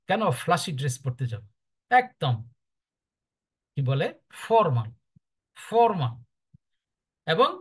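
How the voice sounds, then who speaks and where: A man with a Bangladeshi accent, a teacher giving firm, emphatic advice to his students in a lecture. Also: high-pitched. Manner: firm, instructive, lively emphatic delivery.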